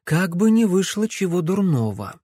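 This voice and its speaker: A man voicing a cautious, dignified lady in an audiobook, measured and worried. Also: high-pitched, very animated, mellow, breathy edge, no room sound, studio quality, voice pushed up, exaggerated voice.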